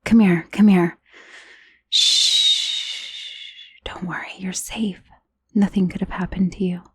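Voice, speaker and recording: A woman voices a powerful, self-assured female vampire who is protective and possessive of her lover, in an intimate ASMR romance roleplay that often sinks to a breathy whisper. She speaks slowly in a steady, lowish, fairly bright full character voice with no echo, and the mood is tender and soothing.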